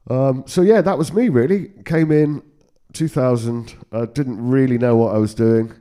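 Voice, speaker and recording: A man's voice: medium pitch, normal speed, warm tone. A man in his forties, a guitar tech telling road stories in casual chat, swearing freely and laughing often. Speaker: podcast guest, guitar tech.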